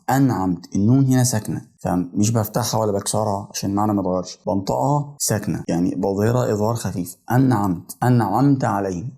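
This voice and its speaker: A man with an Egyptian Arabic accent teaching how to read the Quran, explaining patiently and repeating words slowly to show their pronunciation. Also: on the low side, creaky, dark tone, husky. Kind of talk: explanatory lesson with spoken pronunciation drills.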